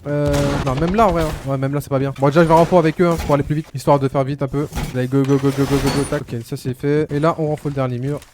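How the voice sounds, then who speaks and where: A man giving excitable, slangy live commentary to his viewers while playing a shooter game. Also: a little high, quick pace, few pauses, background noise. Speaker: gaming YouTuber.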